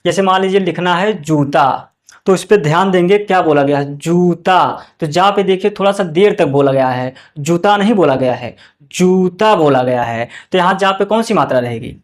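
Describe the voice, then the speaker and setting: Man, high voice, patient teacher, asks and answers his own questions, stretches out words for pupils. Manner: slow and drawn out on example words, repeating each twice; asks the class questions and answers them himself. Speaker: Hindi teacher. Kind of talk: explaining to young pupils.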